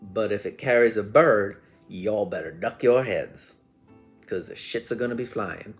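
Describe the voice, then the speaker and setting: A man's voice: fairly low pitch, measured pace, soft background music, close to an everyday voice. Man putting on a folksy Southern drawl. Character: folksy Southern man telling family tales.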